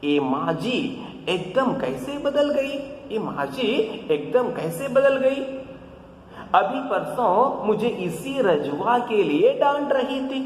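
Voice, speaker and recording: A man's voice: very high voice, sing-song, slow, pitched above the performer's own voice, heavily acted. A man reading the lines of a young, educated daughter-in-law who wonders aloud, in a raised voice. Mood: puzzled. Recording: echoey room, faint noise.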